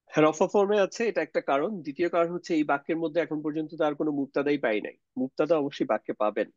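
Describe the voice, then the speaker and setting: A man teaching Arabic grammar in an online class, explaining slowly and quizzing his students, over a computer mic. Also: a little high, a little mellow, dry recording. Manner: explains slowly, poses questions to students, mixes English words. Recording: dull lo-fi sound, dry.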